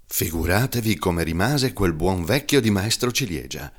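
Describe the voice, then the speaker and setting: A man narrating an audiobook with expressive storytelling. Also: low-pitched, normal speed. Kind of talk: scripted narration.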